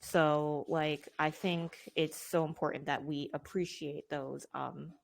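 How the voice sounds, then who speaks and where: Young woman, podcast host, casual chat, filler-heavy, lowish pitch. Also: fairly even intonation, slow, gravelly. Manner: chatty, many fillers like "um" and "like". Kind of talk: casual interview.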